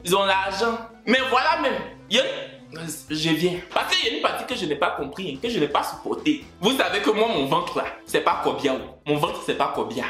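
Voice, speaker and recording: A man's voice: sits high, brisk. A young man with an Ivorian French accent, ranting and joking in a casual vlog. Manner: animated, joking, swings between loud indignation and mutters. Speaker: YouTuber. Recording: echoey room with faint music.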